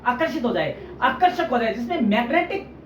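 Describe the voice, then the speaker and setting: A man's voice: extremely high pitch, big pitch swings, brisk, a bit bright. A man teaching journalism in an online lecture, explaining with everyday examples and often calling his listeners friends. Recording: roomy, distant, dull with faint hiss.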